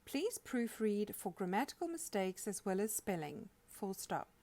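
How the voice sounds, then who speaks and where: A woman narrates a scripted grammar lesson with a lively, rising and falling voice. She reads example sentences aloud and names each punctuation mark as she goes. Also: medium pitch, measured pace. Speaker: grammar instructor.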